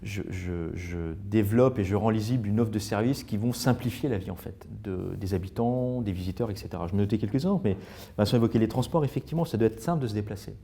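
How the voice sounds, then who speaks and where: A man's voice: lowish voice, quick pace, dark tone. A man, a guest on a panel debate, rattling through concrete examples with stammered restarts. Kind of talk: panel discussion.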